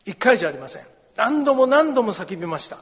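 A high-pitched man preaches a sermon as a pastor, walking through a scripture passage. He brings it to life by acting out the pleading and scolding voices of the people in the story. His voice rings with the long reverb of a hall. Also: very animated, fast talker, fairly bright tone. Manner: explains scripture, acts out the beggar's and crowd's cries.

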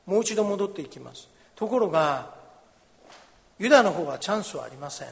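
A man, a pastor, giving a sermon with Bible reading, explaining gently in a conversational way in a church. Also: high-pitched, expressive, fairly quick, creaky. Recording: long reverb of a large hall.

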